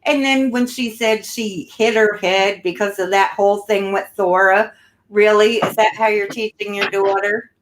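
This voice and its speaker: A woman's voice: mid-range voice, steady tone, moderate pace, noisy background. A woman hosting a casual commentary chat, blunt and scornful about the person discussed. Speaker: channel host.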